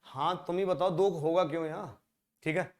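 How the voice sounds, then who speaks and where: A man teaching exam-prep maths, his voice sitting a little high. He talks to the class conversationally, throwing out rhetorical questions and muttering quietly as he works through the sums. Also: steady tone, normal speed. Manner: conversational, rhetorical questions, drops to a low mutter when working.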